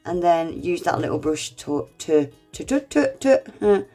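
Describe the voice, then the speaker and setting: Her lowish voice is animated, slow and dark-toned, and clearly congested because she's unwell. She chats casually through a nail art tutorial step by step, teasing herself and calling her viewers "guys," with faint music playing behind her.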